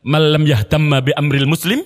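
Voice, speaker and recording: A man giving a dawn sermon at a mosque, talking conversationally to the congregation with rhetorical questions, his voice dropping soft when moved. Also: normal speed. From Indonesia. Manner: lively pitch swings, voice drops low and soft when moved. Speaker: preacher. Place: mosque hall. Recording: long mosque hall reverb.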